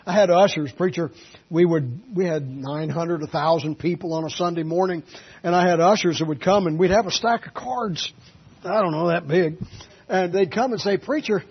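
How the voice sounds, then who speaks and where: A man preaching a sermon as a pastor, telling folksy stories and swinging from quiet asides to loud, emphatic peaks. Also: fairly high pitch, moderate pace, husky, dull audio. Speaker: Baptist pastor.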